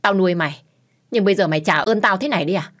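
A woman voicing an angry middle-aged mother who shouts, scolds and wails bitterly. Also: mid-range voice, quick pace, voice pushed up, natural voice. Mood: furious.

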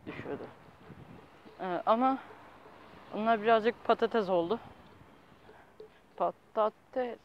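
A young adult man vlogging casually as he walks, talking in halting, rambling fragments and often correcting himself. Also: sits high. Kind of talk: casual walking vlog. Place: outdoors, walking on city streets. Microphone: handheld phone at arm's length. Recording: dull handheld phone, outdoor street noise.

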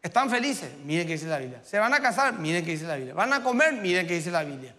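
A man preaching a sermon as pastor, lively and conversational, acting out quotes. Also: high voice, quick pace, long reverb tail. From Paraguay.

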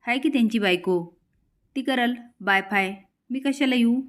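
A woman's voice: a little high, normal speed, lightly acted. A woman voicing a shy young housemaid from a village who talks in a rustic, modest but stubborn way.

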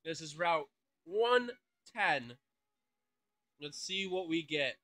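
A man's voice: a little high, lively intonation, slow, pushed and bright. A man hosting a gaming channel, thinking aloud and swearing casually through let's play commentary.

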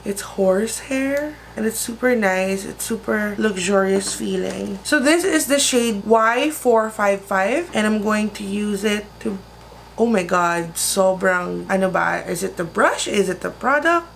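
A young Filipino woman reviewing makeup on camera, chatting in a mix of English and Tagalog with excited exclamations. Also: medium pitch, gravelly, a little hiss or hum. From Philippines. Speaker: beauty vlogger. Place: small indoor studio with dark backdrop.

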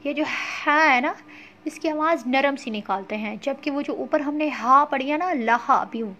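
A woman teaching Quran recitation, chanting verses slowly and drawn out, then explaining pronunciation rules in quick, plain speech. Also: sits high, bright, forceful tone, slight background noise. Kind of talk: tajweed lesson with slow chanted recitation.

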